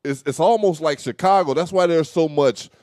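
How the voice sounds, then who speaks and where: A young man co-hosting a casual talk show, talking in loose slang and telling animated stories. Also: fairly high pitch, moderate pace, no echo, clean studio sound. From Dallas, Texas. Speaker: host. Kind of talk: casual podcast chat.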